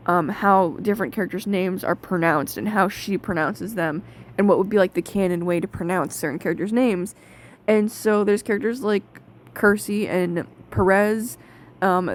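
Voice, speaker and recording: Brief: young woman host, casual, chatty, opinionated review commentary. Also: mid-range voice. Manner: chatty, lots of fillers, opinionated.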